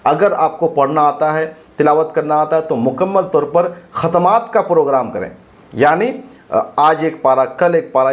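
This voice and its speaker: A man gives an earnest religious advice talk, repeating phrases for emphasis. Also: on the high side. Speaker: religious speaker.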